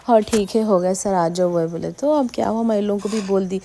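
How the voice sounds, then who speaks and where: A woman's voice: medium pitch, brisk, slight background noise. A woman with a Hyderabadi accent, a preschool teacher casually telling a story in her vlog, with lots of quoted dialogue. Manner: chatty, animated retelling with quoted dialogue. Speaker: anganwadi teacher and vlogger.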